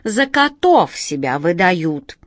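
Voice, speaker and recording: A woman's voice: fairly low pitch, big pitch swings, takes it slowly, dry recording, studio quality, heavily acted. A woman voicing a vain, sly grown she-cat in a storybook reading, purring and drawn out. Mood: smug.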